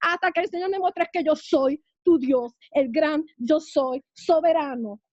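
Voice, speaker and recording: A woman's voice: high-pitched, unhurried, darkish tone, no room sound, lo-fi sound. A woman pastor teaching a church seminary class in a fervent preaching manner, often saying amen. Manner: fervent preaching, frequent amens.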